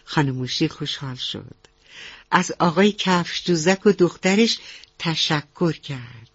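Woman telling a gentle bedtime story. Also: low-pitched, animated, slightly rough, no room sound. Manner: gentle, addresses children directly. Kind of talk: bedtime story narration for children. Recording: dull lo-fi radio recording.

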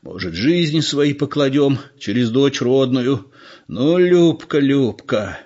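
A man reading aloud voicing a shrewd, gruff old village man with folksy speech. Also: medium pitch, lively intonation, takes it slowly, darkish tone, dull audio, voice pushed up.

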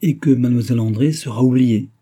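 Guy putting on a regal young princess voice, brisk and bossy but kind, mellow and husky. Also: mid-range voice, natural voice. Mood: gracious, commanding. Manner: brisk, imperious, graciously warm. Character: young royal dauphine, gracious yet commanding woman. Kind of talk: audiobook character reading.

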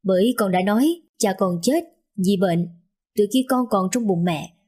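A man's voice: high voice, moderate pace, a little mellow, husky. A woman voicing a hot-tempered young man who speaks curtly and threateningly to his mother. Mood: angry. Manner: curt, demanding and threatening.

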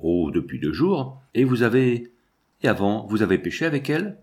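A man's voice: mid-range voice, animated, fairly quick, darkish tone, natural voice. A man voicing an insistent, prying priest. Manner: insistent, probing questions. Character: pushy, prying male priest, middle-aged.

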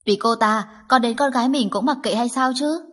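A stern, bossy grandmother scolds her grown son in an indignant, raised voice, as a woman narrator puts her on. Her voice sits higher than the narration and carries a breathy, husky edge. It is an audiobook reading. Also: moderate pace, fairly bright tone. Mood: scolding. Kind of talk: audiobook dialogue.

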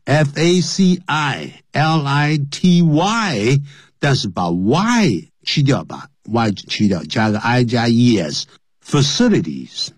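Animated husky-voiced male English teacher. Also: medium pitch, takes it slowly, dry recording, clean studio sound. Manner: explains English phrases in Chinese and spells words letter by letter. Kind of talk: radio English lesson.

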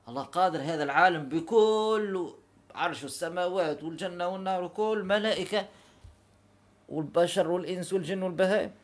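A man giving an informal religious lesson, animated and quick, breaking into recited verses. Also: on the high side. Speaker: religious teacher.

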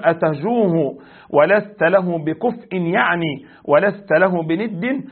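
A man with an Egyptian Arabic accent teaching a religious lesson as a sheikh. He explains slowly, recites verses and quizzes his class. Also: a little high, slightly rough, narrow, tinny audio. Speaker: sheikh teaching a creed text.

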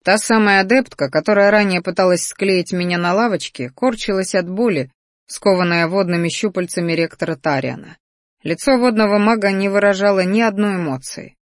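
An audiobook narrator reading a first-person fantasy romance in a steady, measured way. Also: medium pitch, no room sound, clean studio sound.

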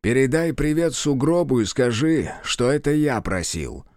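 A man voicing a gruff, short-tempered male general in his seventies who speaks slowly and barks orders in an audiobook. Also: medium pitch, very animated, a little mellow, dry recording, studio quality, pitched above the performer's own voice, natural voice. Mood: stern. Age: 70s. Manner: slow, clipped, barking orders.

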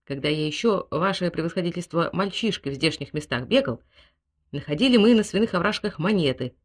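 A woman voicing an old manservant who speaks in a low, hushed, servile way. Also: animated, brisk. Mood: deferential. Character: old male servant, obsequious and deferential.

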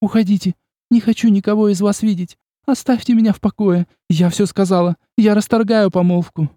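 A fiery young noblewoman, as a male reader voices her, with a lifted, sharp delivery. The tone stays dark and mellow, recorded dry and close. She sounds proud and quick to flare. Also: high voice, no room sound, voice pushed up, lightly acted. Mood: angry. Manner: haughty, sharp and tearful by turns. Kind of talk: audiobook character voice.

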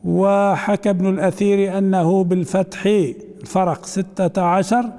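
Sheikh giving a class, high-ish voice but dark and mellow, reads then explains, reverb from the hall. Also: male voice, normal speed. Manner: reads the text aloud, then explains it in colloquial asides with questions to the class. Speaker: sheikh teaching a hadith commentary. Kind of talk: classroom lesson reading and explaining a text.

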